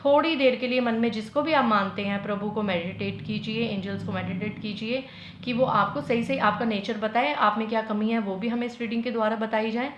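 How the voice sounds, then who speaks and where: A woman's voice: a little high, a bit bright, a little hiss or hum. A woman reading tarot piles in a casual video, earnest and pleading, mixing English phrases into her talk. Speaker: tarot reader. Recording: echoey, dull lo-fi room sound.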